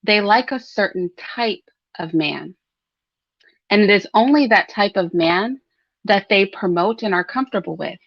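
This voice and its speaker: A woman's voice: mid-range voice, measured pace, no echo. A woman giving conversational solo opinion commentary, speaking informally and straight to listeners with rhetorical tag questions. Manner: frequent throat clearing. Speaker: host of a commentary livestream. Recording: dull, slightly lo-fi close dry sound.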